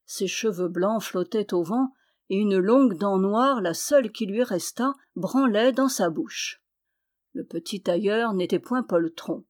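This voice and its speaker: A woman storyteller reading a folk tale aloud in a measured, expressive way. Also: mid-range voice.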